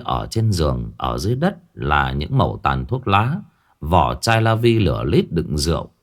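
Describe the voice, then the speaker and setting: A man narrating a horror story in an expressive, colloquial way. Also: lowish voice.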